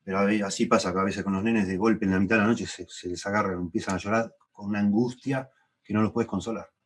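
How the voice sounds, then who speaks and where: Middle-aged man, Rioplatense Spanish accent, lowish husky voice, Bible-class teacher who circles back and repeats lines to press a point. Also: steady tone, fast. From Argentina. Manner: thoughtful, repeats phrases for emphasis, rises in pitch when stressing points. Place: church classroom.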